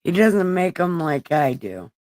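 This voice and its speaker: A woman in her forties hosting a casual livestream, loud and joking as she teases her friends. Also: fairly low pitch, sing-song, a little slow, no echo, low-quality recording. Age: 40s. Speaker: livestream host.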